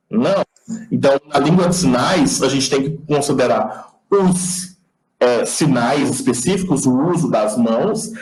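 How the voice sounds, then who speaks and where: This online lecture features a man with a Brazilian Portuguese accent showing the sign alphabet one step at a time, patient and explanatory while he demonstrates. His pitch is fairly high and his tone darkish. The audio is poor, with a roomy sound.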